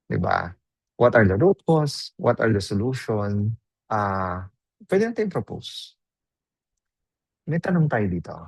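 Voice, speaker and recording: A man's voice: lowish voice, big pitch swings, slow, pauses often, husky, no room sound. A man giving a live online training, chatting casually, mixing Tagalog and English, and putting questions to the audience. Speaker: webinar trainer.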